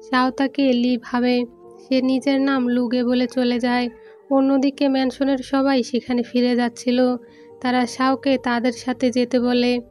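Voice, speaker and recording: A woman narrating a film recap in a steady, even storytelling read, with soft music underneath. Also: sits high. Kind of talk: scripted movie recap narration.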